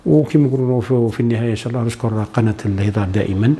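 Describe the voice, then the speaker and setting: A man's voice: medium pitch, rapid-fire, warm tone. A man with an Algerian Arabic accent, a doctor explaining a medical topic to TV viewers step by step, dropping French medical terms into his dialect. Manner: lists points step by step.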